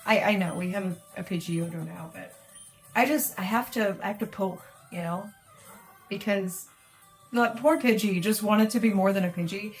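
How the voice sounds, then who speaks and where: A woman casually chatting and teasing while watching a video game being played. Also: medium pitch. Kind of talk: casual gameplay chat. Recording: faint game music behind.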